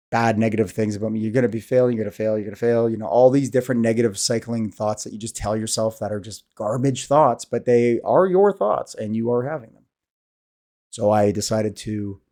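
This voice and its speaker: A man's voice: medium pitch, a little mellow. Man in his thirties, casual vlogger, rambling and candid, sighs often, mid-range voice. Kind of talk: casual monologue to camera.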